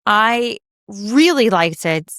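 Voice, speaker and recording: A chatty Southern American woman in her thirties co-hosts a film podcast, talking in an animated rush that stumbles and restarts as she goes. Her voice sits at an ordinary middle pitch and is recorded close and dry, with no room sound around it. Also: takes it slowly, no room sound. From Southern United States. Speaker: podcast co-host. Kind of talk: casual film podcast chat.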